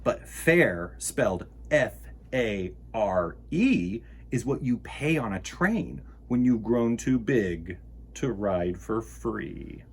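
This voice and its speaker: Here a man speaks to young children, reading aloud and chatting expressively as the upbeat, encouraging host of a storytime. The voice is husky and fairly low, expressive, and he takes his time.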